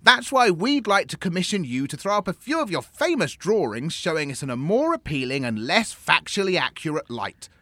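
A man's voice: on the high side, sing-song, brisk, hardly any pauses, sharp tone, no room sound, full character voice. A man playing a smug, greedy male arms-dealer businessman in a comedy sketch, oily and condescending.

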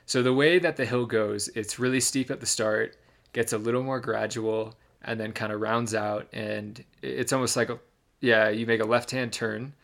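Vocal fry colors the lowish voice of a young man co-hosting a podcast. He tells the story of a race he ran in an easygoing way, circling back often with ums and false starts.

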